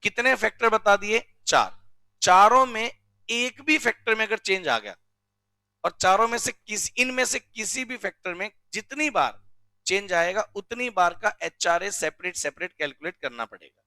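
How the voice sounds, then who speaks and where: A male teacher from India giving a classroom lecture, drilling rules slowly and often checking with questions. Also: high voice, animated, sharp tone, no echo. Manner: recites rules slowly word by word. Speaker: commerce teacher.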